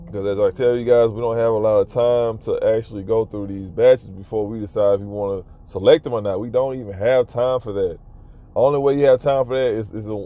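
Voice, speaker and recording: A man vlogging casual advice to fellow delivery shoppers, talking emphatically and repeating himself to drive his points home. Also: on the low side. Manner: emphatic, repetitive, advising viewers directly. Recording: tinny phone-like audio with faint car noise.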